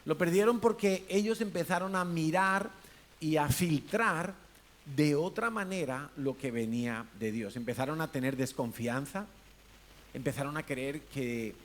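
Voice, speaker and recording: A man with a Spanish accent preaching a sermon in a church hall, in a conversational way, asking the congregation questions and acting out different tones of voice. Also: mid-range voice. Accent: Peninsular Spanish. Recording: faint hiss.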